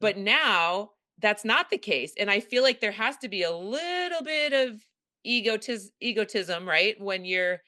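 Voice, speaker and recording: A woman's voice: medium pitch, animated, a little slow, bright, forceful tone. A middle-aged woman with a New York accent, hosting a podcast and talking frankly and bluntly. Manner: frank, blunt, swears casually. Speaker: podcast host. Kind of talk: casual conversation.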